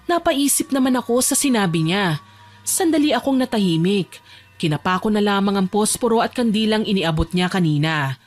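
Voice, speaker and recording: A young woman voicing a frightened young woman locked in a dark basement, tense and pleading as she narrates her own horror story. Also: mid-range voice, lively intonation, moderate pace, close to an everyday voice. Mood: hushed. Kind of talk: first-person horror story narration and dialogue. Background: faint music.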